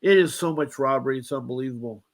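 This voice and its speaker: A mid-range voice speaking fast belongs to a guest in his seventies who is telling his own story. It rambles, full of restarts and asides, and he sounds aggrieved as he insists he was wronged.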